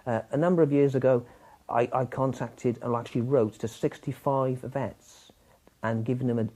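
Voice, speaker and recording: A man answers questions in an interview, often hesitating and rephrasing himself partway through a sentence. His voice is dark and mellow, with a mid pitch. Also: fairly even intonation, normal speed.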